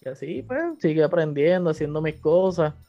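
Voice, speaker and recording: A man's voice: fairly high pitch, fairly even intonation, a little fast, gravelly, highs cut off. A man with a Puerto Rican accent, chatting casually as a podcast guest, full of slang and dropping English words in as he tells his story. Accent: Puerto Rican Spanish. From Puerto Rico. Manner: slangy, mixes English words in, acts out quotes. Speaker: podcast guest, platform founder. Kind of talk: casual interview chat.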